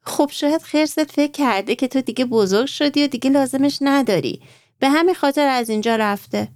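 A woman voicing a kind, gently teasing mother in a storybook. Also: high voice, no room sound, clean studio sound, voice pushed up, close to an everyday voice. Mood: soothing. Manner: soft and kind.

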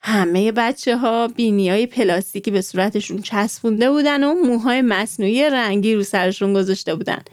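A woman's voice: mid-range voice, few pauses, no room sound, clean studio sound. A woman narrating a children's story, turning to the young listeners with friendly questions. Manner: warm, addresses children directly with questions.

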